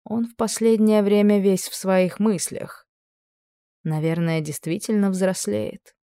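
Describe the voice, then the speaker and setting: A woman's voice: medium pitch, steady tone, unhurried, warm tone, smooth, no room sound, clean studio sound, lightly acted. A woman voicing a commanding, doting queen who schemes with her husband, speaking firm and clipped. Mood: tender.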